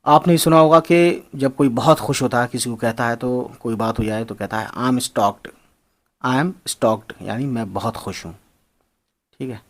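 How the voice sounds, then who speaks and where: A man's voice: mid-range voice, moderate pace. A man teaching English slang words, spelling them out and repeating them in a casual explanatory lesson. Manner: spells words out and repeats phrases, addresses viewers as friends.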